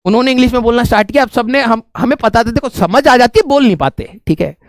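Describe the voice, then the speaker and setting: A man's voice: extremely high pitch, quick pace, no room sound, studio quality. A man telling a funny story to his students, laughing often and repeating a filler word. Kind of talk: humorous classroom storytelling.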